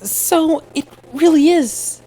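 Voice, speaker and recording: A woman's voice: sits high, slow, dark tone, soft background music, voice pushed up. A woman voicing a chatty, friendly young woman who visits a cafe, reading video game dialogue aloud.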